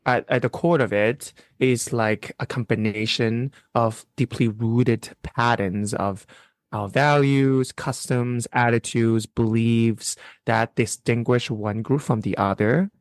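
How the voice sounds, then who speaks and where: Measured Mandarin-native man, dry sound. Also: mid-range voice, steady tone, no room sound. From China. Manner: explanatory, measured, defines terms step by step. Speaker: podcast co-host. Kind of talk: casual conversational podcast chat.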